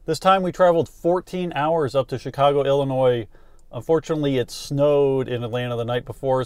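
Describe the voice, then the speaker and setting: A man's voice: mid-range voice, a little mellow, clear, resonant tone, dry recording. A man from the American South in his thirties, hosting a family road-trip vlog with eager narration to a dashboard camera while driving. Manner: enthusiastic, talking straight to camera while driving. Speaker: travel vlog host. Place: inside a car.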